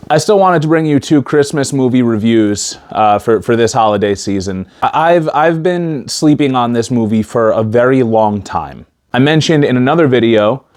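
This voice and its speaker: A man reviewing films casually to camera, speaking haltingly with a stiff mouth after having his wisdom teeth out. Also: fairly low pitch, a little mellow. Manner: stiff-mouthed speech after wisdom teeth removal, limited facial mobility. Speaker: YouTube movie reviewer.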